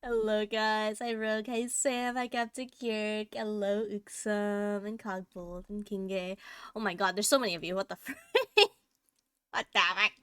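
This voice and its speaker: A woman's voice: medium pitch, level tone, unhurried, a bit bright, smooth, no room sound. A woman livestreaming in a playful, giggly gamer-girl manner, chatting casually with her viewers and swearing freely. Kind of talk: casual chat with live stream viewers.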